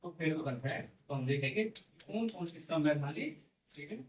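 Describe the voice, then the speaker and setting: A man's voice: fairly high pitch, expressive, moderate pace. A man teaching a class, explaining step by step and often checking in with his students. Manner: explains step by step, repeats "theek hai" and "hai na". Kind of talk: classroom lecture. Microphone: no microphone, far from the recorder. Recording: echoey classroom from far off.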